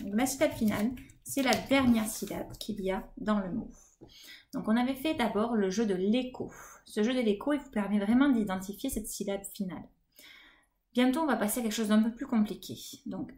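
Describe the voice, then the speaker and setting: A woman's voice: medium pitch, darkish tone, slight background noise. A woman teacher with a French accent giving a recorded lesson to young children, patiently singing and stretching words to show their syllables. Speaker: kindergarten teacher.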